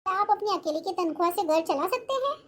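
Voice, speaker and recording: A woman's voice: extremely high pitch, lively intonation, a little fast. A woman voicing an arrogant, scornful young daughter-in-law in a cartoon-style family drama, always complaining and snapping back. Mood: defensive. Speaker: schoolteacher character.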